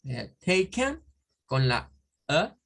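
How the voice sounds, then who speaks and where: A man's voice: on the high side, expressive, measured pace, a bit bright. A man teaching an online English pronunciation lesson in Spanish, explaining carefully and repeating example words for drill. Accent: Central American Spanish. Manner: looks up words in an online dictionary as he talks.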